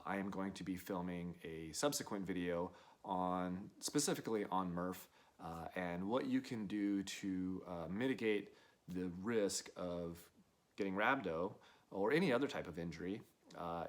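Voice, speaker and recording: A middle-aged man, a gym owner and coach, explaining a health topic calmly and plainly, with frequent filler sounds. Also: low voice, moderate pace. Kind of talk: informal explainer to camera.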